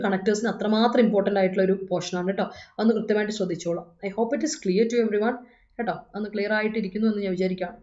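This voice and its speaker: A woman's voice: mid-range voice, darkish tone. A woman with a Malayali accent teaching an English exam class live online, chatty and coaxing her students. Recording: echoey room, dull lo-fi sound.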